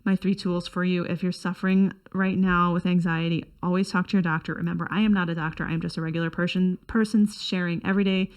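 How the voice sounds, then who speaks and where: A woman's voice: on the low side, level tone, fast talker, few pauses. A woman in her thirties giving personal advice in an earnest, chatty way, with many fillers and restarts. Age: 30s. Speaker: wellness vlogger.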